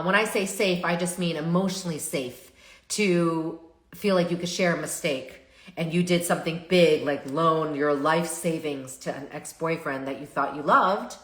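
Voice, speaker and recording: A middle-aged woman talks as a family therapist on a live stream, in a slightly low voice. She speaks casually and often checks in with her viewers by asking "right?". Her voice carries a roomy echo. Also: fairly bright tone. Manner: chatty, asks the audience "right?" often. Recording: echoey room.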